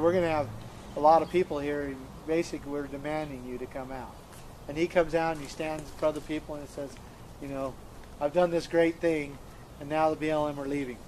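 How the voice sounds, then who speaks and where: A man with a slightly high voice tells his story in a conversation, earnest and emphatic. He often repeats and restarts his words as he goes. There is a faint hiss of background noise in the recording. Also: darkish tone, poor audio. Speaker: interviewee recounting events.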